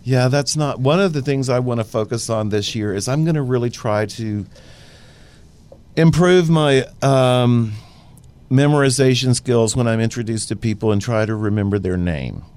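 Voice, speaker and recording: A man in easy casual conversation with a co-host, chatty and self-deprecating. His talk wanders through fillers and restarts. His pitch sits at an ordinary middle level for a man. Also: moderate pace, darkish tone. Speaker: podcast co-host. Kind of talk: casual chat.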